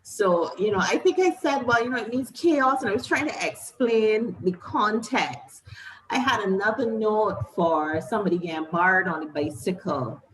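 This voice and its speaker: A woman's voice: mid-range voice, moderate pace, a little hiss or hum, poor audio. A woman from Barbados with a Bajan accent, answering interview questions as a novelist in a reflective, explanatory, conversational way.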